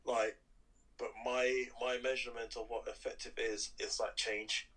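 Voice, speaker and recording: Casting: male host for a relaxed group discussion, crisp-edged bright voice, plain-spoken and informal. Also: medium pitch, unhurried, low-quality recording. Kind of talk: casual chat, asking questions.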